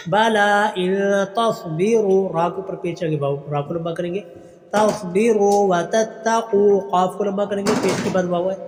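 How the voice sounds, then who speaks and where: A man teaching Quran recitation online. He chants each verse slowly and drawn out, then explains the pronunciation rules quickly and more softly. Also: high-pitched, noisy background. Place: online class recording. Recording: long reverb with faint music.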